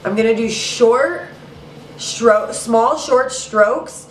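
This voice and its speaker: A young woman hosts a makeup tutorial in a chatty, casual way, peppering her talk with "girl" and "you guys." Her voice sits a little high, with drawn-out words and a slightly nasal, congested quality from allergies. There's a faint hiss or hum, and the room sounds spacious with the mic placed at some distance.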